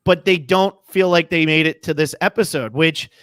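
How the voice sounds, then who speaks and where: A man with a high-pitched voice hosting a casual, chatty TV recap podcast. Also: normal speed, a bit bright, no echo, clean studio sound. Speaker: podcast host.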